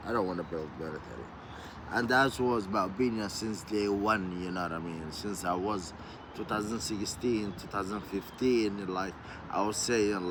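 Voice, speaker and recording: A man from Somalia with a fairly low voice talks casually to his viewers in a loose vlog. He circles back on his points and keeps checking in with "you know what I mean". It's recorded outdoors with clear street and vehicle noise behind him. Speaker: vlogger. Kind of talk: casual rambling monologue.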